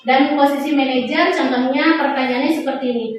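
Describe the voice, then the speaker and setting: Seorang guru perempuan menjelaskan materi pelatihan kepada rekan-rekan, sambil memberi contoh kalimat kepada murid. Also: female voice, sits high, fairly even intonation, a little fast, slight background noise. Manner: explains with quoted example phrases to pupils. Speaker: teacher presenting to colleagues. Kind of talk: explaining training material. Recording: echoey room from far off.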